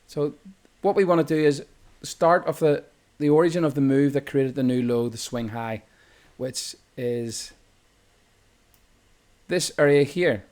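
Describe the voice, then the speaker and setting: A man's voice: a little high, steady tone, measured pace, a little mellow. A man with an Irish accent, walking through a chart tutorial as a trading instructor in a loose, explanatory way, often correcting himself mid-sentence. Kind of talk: screen-recorded chart tutorial.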